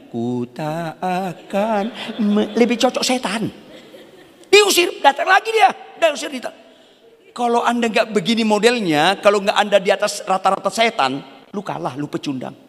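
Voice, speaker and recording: A man's voice: high voice, a bit bright, in a large hall. A man preaching a fiery sermon as a pastor, firing rhetorical questions at the congregation.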